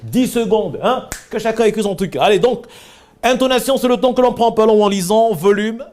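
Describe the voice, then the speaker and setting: Animated man coaching public speaking. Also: high voice, brisk. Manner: directive, animated, demonstrates lines himself. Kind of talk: live speaking workshop.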